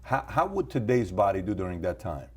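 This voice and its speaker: A man from Iran hosting an interview, asking probing, animated questions. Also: lowish voice, a little fast, slightly rough. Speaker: host, interviewer.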